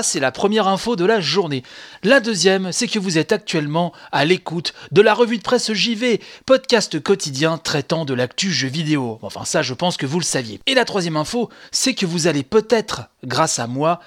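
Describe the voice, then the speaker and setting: A man's voice: on the high side, expressive, moderate pace, a bit bright. A man hosting a daily video game news podcast, chatty and self-mocking with jokey asides. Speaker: podcast host.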